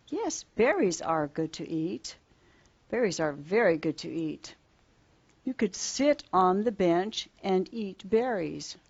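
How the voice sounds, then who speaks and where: Slow, low-voiced woman talking to a toddler. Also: darkish tone, muffled recording. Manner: reading to a toddler, with sing-song questions and simple repetition. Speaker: children's English teacher. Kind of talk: simple educational lesson for young children.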